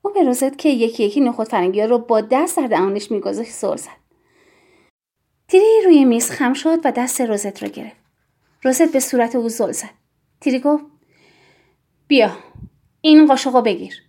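A woman reading a novel aloud in the first person, in a measured and expressive way. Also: a little high. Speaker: audiobook narrator. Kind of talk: scripted first-person story narration.

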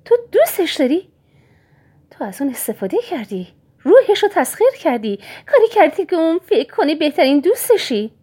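A woman's voice: on the high side, steady tone, few pauses, a little mellow, slightly rough, pitched above the performer's own voice. A woman voicing a distressed mother, a witch who accuses and defies her rival in strained, rising tones. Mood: indignant.

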